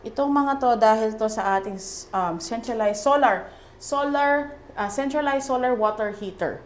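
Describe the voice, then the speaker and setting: A woman's voice: on the high side, moderate pace. A young Filipino woman leading a chatty, enthusiastic house tour, mixing English and Tagalog. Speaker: real estate agent giving a house tour. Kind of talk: casual walkthrough tour.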